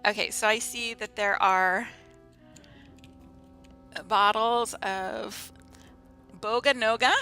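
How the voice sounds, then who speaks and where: A woman's voice: medium pitch, fairly even intonation, takes it slowly, pauses often, pushed and bright, faint music behind. A woman chatting casually and playfully with viewers as she streams a video game, giggly in manner. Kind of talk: casual livestream game commentary and chat.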